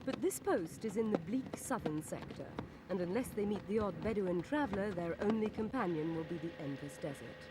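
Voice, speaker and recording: A woman reporter reading scripted documentary narration in a measured, formal manner. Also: mid-range voice, animated, heavy background noise.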